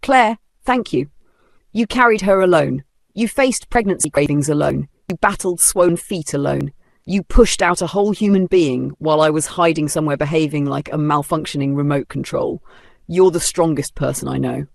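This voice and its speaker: A man's voice: fairly high pitch, moderate pace, creaky, no echo. A man doing a remorseful Nigerian father. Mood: earnest. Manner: earnest, heartfelt apologies. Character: remorseful divorced father, middle-aged man.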